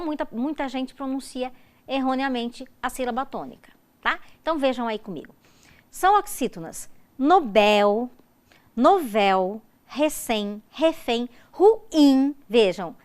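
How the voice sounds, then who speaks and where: Brazilian woman lecturing, stressing words. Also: fairly high pitch. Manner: explanatory, checks in with "tá bom?" often; stresses example words slowly and loudly. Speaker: university lecturer. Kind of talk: recorded distance-learning lecture.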